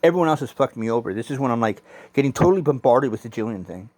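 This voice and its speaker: A man's voice: medium pitch, lively intonation, rapid-fire, a little mellow, no room sound. A middle-aged man telling personal stories in a rambling, profane, intense monologue, arguing back and forth with himself. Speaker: vlogger.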